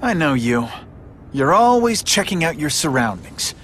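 A man's voice: on the high side, very animated, unhurried, fairly bright tone, a little hiss or hum. A man voicing a young, cocky, wisecracking masked superhero in a video game, quippy and sarcastic. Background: music.

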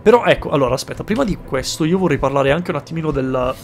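A man commentating his game playthrough, exclaiming and swearing freely and weighing choices out loud. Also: fairly high pitch, expressive, racing, soft background music. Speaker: gaming streamer. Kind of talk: excited let's-play commentary.

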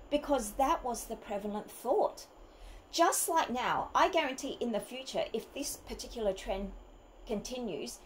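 A woman's voice: on the high side, slight background noise, rough recording. A woman from Australia, delivering an argumentative opinion monologue full of rhetorical questions. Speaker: vlogger.

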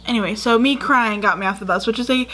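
A woman's voice: a little high, fast talker, sharp tone. A woman in her twenties telling childhood stories in a chatty, rambling vlog, with lots of fillers, recorded indoors facing the camera. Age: 20s. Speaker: YouTuber. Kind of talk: casual storytelling vlog. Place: dim room indoors.

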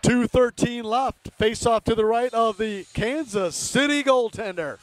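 A man's voice: extremely high pitch, measured pace. A man giving amateur play-by-play hockey commentary from rink stands in clipped phrases, openly rooting for the home team. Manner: clipped phrases naming players. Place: indoor ice rink, from the stands.

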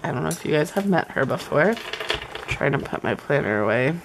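A woman's voice: deep voice, very animated, a little fast, noisy background. A young woman gushing over her planner supplies in a casual vlog. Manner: chatty, gushing, says "y'all". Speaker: planner vlogger. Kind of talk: casual show-and-tell vlog.

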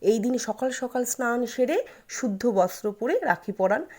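A woman's voice: fairly high pitch, animated, darkish tone. A woman hosting her own channel, explaining ritual timings and customs in an earnest, advising instructional manner. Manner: earnest, advising, reciting a mantra slowly. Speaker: channel host giving ritual guidance.

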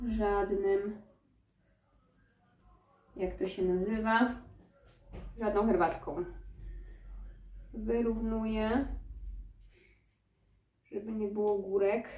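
A woman's voice: fairly high pitch, darkish tone, slight background noise. A mother vlogging at home, chatting casually as she bakes and thinking aloud, often restarting her sentences. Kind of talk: casual home vlog with baking steps. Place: home kitchen. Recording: echoey kitchen with clattering dishes.

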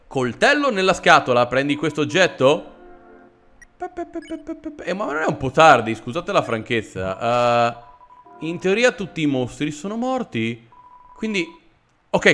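Animated gamer with a sore throat. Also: male voice, a little high. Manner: animated, sarcastic. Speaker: let's play host. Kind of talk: gameplay commentary.

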